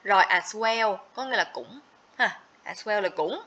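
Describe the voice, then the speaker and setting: A woman's voice: medium pitch, normal speed, sharp tone. A woman teaching a livestream grammar lesson, explaining step by step and checking in with students often. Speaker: TOEIC teacher. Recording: slightly dull lo-fi audio.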